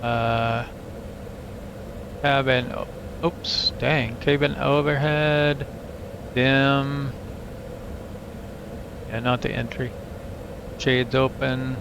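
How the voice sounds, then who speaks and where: Slow, gravelly man narrating a flight simulator. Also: medium pitch. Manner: muttering to himself in clipped phrases. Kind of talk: casual running commentary on cockpit checklist. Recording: steady aircraft hum behind voice.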